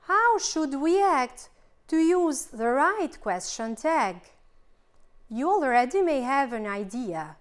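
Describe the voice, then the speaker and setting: Slow, high-voiced Albanian-accented woman teacher. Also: very animated. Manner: slow, deliberate explaining with example sentences. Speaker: English teacher. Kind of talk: recorded grammar lesson.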